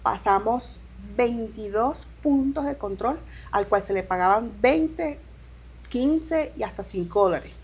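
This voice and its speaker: A woman from Venezuela, in her thirties, telling her migration story as an interview guest in halting speech with restarts and quoted dialogue. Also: on the high side, animated, darkish tone, husky. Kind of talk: emotional personal testimony.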